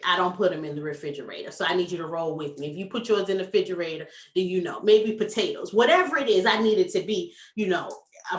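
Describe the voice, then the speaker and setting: A woman success coach giving a motivational talk, animated and folksy, addressing the audience directly. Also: mid-range voice, far from the mic. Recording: echoey room, voice from off mic.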